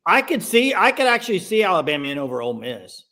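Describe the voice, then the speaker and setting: A male sports show host with a fairly high voice. He talks casually and conversationally, addressing his callers directly. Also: sing-song, fast talker, pushed and bright. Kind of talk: casual live sports talk.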